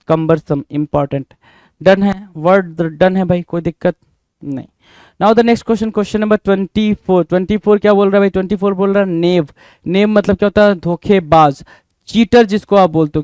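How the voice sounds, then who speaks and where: A man's voice: high-pitched, darkish tone, clear, resonant tone, no echo. A young man teaching English vocabulary for exams, spelling words out letter by letter and asking and answering his own questions. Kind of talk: exam-prep vocabulary lesson.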